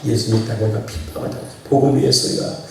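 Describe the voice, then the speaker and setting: A male pastor preaching a sermon in a church, chatty and folksy, laughing often and swinging from quiet asides to shouted exhortation. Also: lowish voice, little pitch movement, rapid-fire. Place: church sanctuary. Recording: very echoey church hall, preacher heard from far off.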